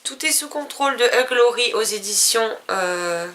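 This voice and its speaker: A book vlogger casually lists books and publishers in a haul video, using fillers and correcting herself. Her fairly high, slightly bright voice has lively intonation at normal speed, with a little hiss or hum in the recording.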